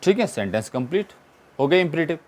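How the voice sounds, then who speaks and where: A man's voice: fairly high pitch, big pitch swings, fast, darkish tone. A man teaching an English grammar lesson, asking questions and answering them himself and repeating the key points. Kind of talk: classroom-style explanation.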